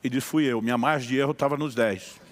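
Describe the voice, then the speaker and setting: A middle-aged man preaching as a pastor, telling a story with lively acted-out dialogue and frequent laughter. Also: mid-range voice, fast talker, some chatter behind. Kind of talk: sermon storytelling.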